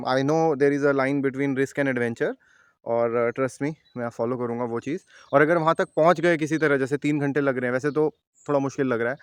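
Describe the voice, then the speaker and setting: A fairly high, clear and resonant male voice, with no room sound, belongs to an Indian travel vlogger chatting directly with his viewers. He films on a handheld camera while walking a mountain trail outdoors.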